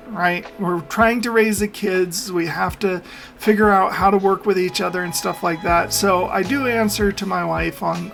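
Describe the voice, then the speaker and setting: With a high, slightly bright voice and noticeable vocal fry, this meme reaction host chats casually through his video. His takes are opinionated, he wanders off on tangents, and he laughs often.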